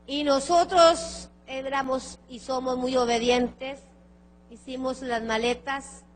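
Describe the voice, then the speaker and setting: A woman's voice: sits high, steady tone, takes it slowly, slight background noise. A woman preacher telling a testimony as a sermon, fervent and emotional. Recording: long reverb of a large hall.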